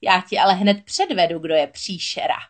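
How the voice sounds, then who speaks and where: A woman voicing a gloating female sea witch who speaks slowly and croaks triumphantly. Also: lowish voice, lively intonation, lightly acted. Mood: menacing.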